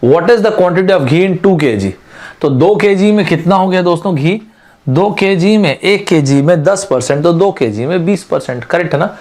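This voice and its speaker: A male teacher gives an online exam-prep lesson in a fairly high voice. He talks to his students in a chatty, friendly way and mixes English terms into his explanations. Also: darkish tone. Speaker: aptitude teacher.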